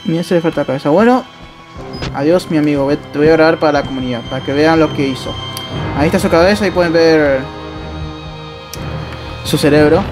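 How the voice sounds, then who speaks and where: A man with an Argentine accent and a high voice talks through a horror game as he plays it. He is jumpy and excitable, breaking into yelps, laughs and casual swearing. Faint game music runs underneath. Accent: Argentine Spanish. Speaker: gameplay streamer. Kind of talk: live horror game commentary.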